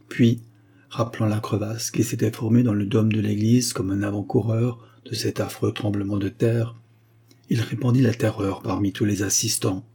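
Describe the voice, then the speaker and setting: Brief: male audiobook narrator, low, husky. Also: dark tone.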